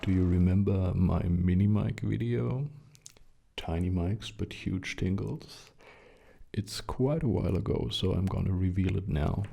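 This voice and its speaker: A man chatting gently in a soft-spoken, hushed and breathy ASMR style, relaxed and close to the mic. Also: low voice, measured pace. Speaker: ASMR video creator. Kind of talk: soft-spoken ASMR chat, slipping into whispers. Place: small quiet rented studio room. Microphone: close shotgun condenser mics.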